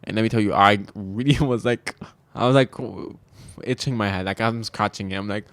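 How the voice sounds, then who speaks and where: A man's voice: fairly low pitch, fairly even intonation, brisk, fairly bright tone, no room sound. A young man hosting a solo podcast, talking in a rambling, self-deprecating, confessional way with frequent laughs. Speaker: podcast host.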